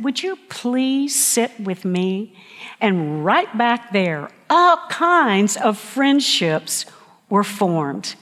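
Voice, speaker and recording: Woman pastor, sermon, slow delivery, higher voice, long church reverb. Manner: slow, emphatic, dramatic pauses. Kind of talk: sermon storytelling. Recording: long reverb of a large hall.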